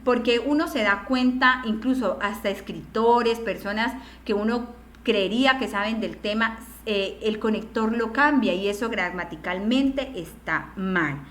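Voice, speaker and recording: A woman teacher explains a lesson patiently, pausing often to check that her students follow. Her voice sits a little high. The sound carries a noticeable room echo. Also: fairly bright tone. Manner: explanatory, frequent checking questions. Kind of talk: online class lecture.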